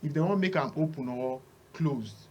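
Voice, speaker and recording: A man's voice: fairly high pitch, normal speed, darkish tone, slightly rough, dull audio. A Nigerian man giving opinionated Pidgin commentary as a panel analyst, emphatic and repeating phrases for stress.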